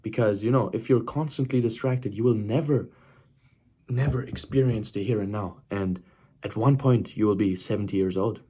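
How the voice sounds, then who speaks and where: A warm, slightly rough, lowish voice belongs to a nineteen-year-old man vlogging about self-improvement at a moderate pace. He talks to camera in a casual, motivational way, stressing points, repeating himself and regularly checking in with the listener.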